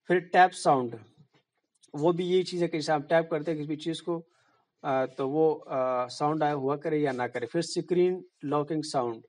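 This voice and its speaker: A man with a slightly high voice talks through a phone tutorial. He explains each setting plainly and repeats himself, tossing in friendly asides to the viewer. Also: darkish tone. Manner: plain, repetitive explaining with fillers and "bhai" asides. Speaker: tutorial presenter. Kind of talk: casual screen-recorded phone tutorial.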